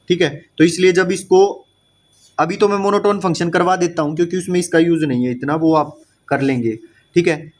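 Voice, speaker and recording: A man teaching an exam-prep maths class, mixing English terms into Hindi with an Indian accent, explaining step by step and often checking that students follow. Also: a little high. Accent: Indian English mixed into Hindi. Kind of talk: online exam-prep lecture.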